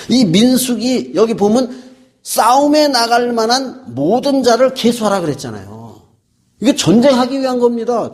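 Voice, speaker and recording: Korean pastor preaching, call-and-response. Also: male voice, a little high, a little mellow. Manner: asks the congregation questions and answers them himself; repeats key words for emphasis. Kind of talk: sermon.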